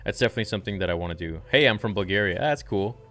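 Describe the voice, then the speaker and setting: A man's voice: on the low side, expressive, very fast, fairly bright tone, faint music behind. A man in his twenties hosting a fitness channel, casually reading viewer questions aloud and answering them in a laid-back live-stream Q&A. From Canada. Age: 20s.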